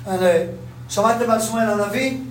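A man's voice: high-pitched, heavy reverb. A man teaching a religious class, repeating phrases and quizzing his listeners, recorded from a distance in a room with faint background noise. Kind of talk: Talmud class.

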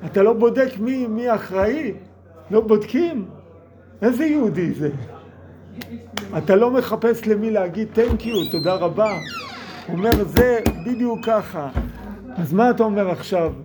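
Man, higher voice, preacher spinning a story-sermon, acts out the characters' lines, mixes in English. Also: animated, pauses often, a crowd in the background. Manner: drops English words into his talk. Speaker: religious speaker. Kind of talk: sermon told as a parable.

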